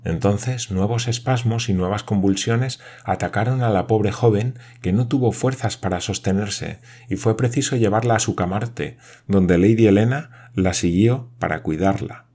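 A man narrating an audiobook in a steady, dramatic reading. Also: lowish voice, moderate pace, few pauses, slightly rough.

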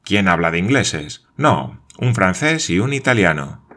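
Stubborn frontier sergeant, emphatic firm denials, storybook reading, voiced by a man, low voice, a bit raised. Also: big pitch swings, measured pace, bright, forceful tone, heavily acted. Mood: insistent.

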